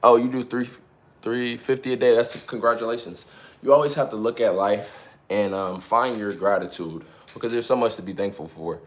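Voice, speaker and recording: A young man in his twenties talks to his live chat in a low-pitched voice. He keeps it upbeat and full of slang, hyping himself up between workout sets at home. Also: normal speed. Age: 20s. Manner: upbeat, hyped, slangy and motivational. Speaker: livestreamer. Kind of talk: casual live-stream chat.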